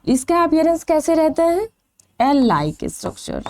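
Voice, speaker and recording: Lively-voiced woman teaching biology. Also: high voice, normal speed. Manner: asks questions then answers them herself, stretching key terms. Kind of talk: exam-prep lecture.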